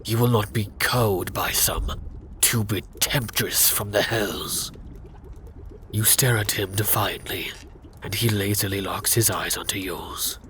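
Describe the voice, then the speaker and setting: In a hushed, intimate and dramatic way, a man narrates a scripted second-person fantasy story for ASMR. His pitch is fairly low and his intonation fairly even, at a slow pace. There's slight background noise.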